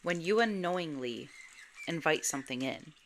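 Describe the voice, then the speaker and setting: A woman narrating a first-person ghost story in a measured, suspenseful way. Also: low voice, animated, a little hiss or hum. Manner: slow, measured, suspenseful delivery.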